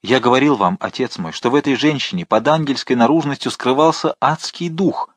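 A man's voice: mid-range voice, brisk, no echo, pitched above the performer's own voice, lightly acted. A man voicing a dying, remorseful executioner who moans and begs for absolution. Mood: pleading. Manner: pleading, moaning.

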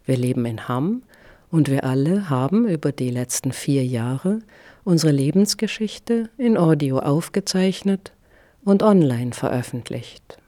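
Calm, slow-speaking woman radio host. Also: sits low, no echo, studio quality. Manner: calm, measured reading. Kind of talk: scripted radio presentation.

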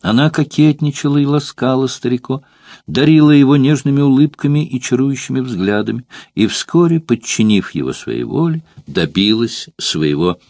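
A man with a medium-pitched voice narrates a literary novel as an audiobook narrator, telling the story in a measured, expressive way. The recording is dry and the studio sound is clean.

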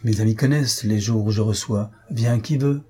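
A man's voice: on the low side, moderate pace, dark tone, breathy edge. A man playing a bossy, affectionate society lady. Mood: firm affectionate.

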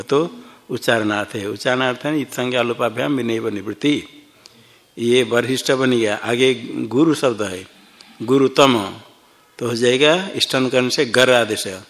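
A man's voice: medium pitch, fairly bright tone. A man teaching a classroom Sanskrit grammar lesson, explaining each form step by step and quizzing his students as he goes. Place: ashram classroom.

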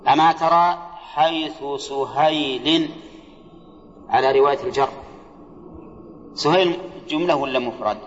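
A man teaching Arabic grammar in a classroom lecture, often stopping to quiz his listeners with quick questions. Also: on the high side. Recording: dull, echoey lecture hall recording.

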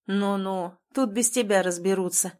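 A woman voicing a gruff, dismissive male security guard in an audiobook, speaking in a curt, cold way. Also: mid-range voice, moderate pace, darkish tone, close to an everyday voice.

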